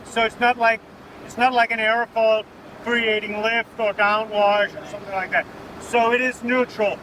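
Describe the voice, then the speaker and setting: A man's voice: high-pitched, steady tone, moderate pace. A man with a Danish accent explaining technical matters informally in an interview, matter-of-fact, as a pilot. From Denmark. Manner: matter-of-fact, often adding "right?" as a tag. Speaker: military pilot being interviewed. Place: inside an aircraft cockpit in flight. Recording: loud vehicle drone behind the voice. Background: aircraft engine and air noise.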